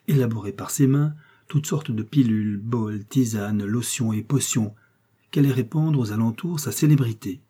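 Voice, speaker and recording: A man narrating a classic novel in a measured, steady audiobook reading. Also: mid-range voice, husky. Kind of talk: scripted literary narration.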